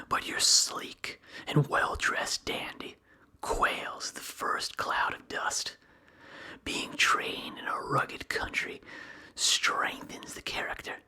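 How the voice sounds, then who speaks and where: Someone reads a philosophical text aloud in a breathy ASMR whisper, in measured, deliberate phrases with short pauses. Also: very high voice, pushed and bright.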